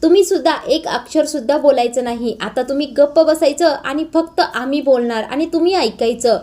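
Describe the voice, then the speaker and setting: A woman's voice: high-pitched, a little fast, natural voice. A woman reading a furious accusing young man. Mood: angry. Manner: accusing, shouting at elders.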